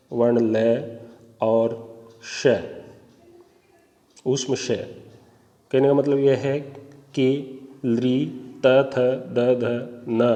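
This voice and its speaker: A man teaching an exam-prep Sanskrit phonetics lesson, speaking slowly and deliberately, spelling out sounds one by one and addressing viewers as friends. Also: mid-range voice, mellow, long reverb tail.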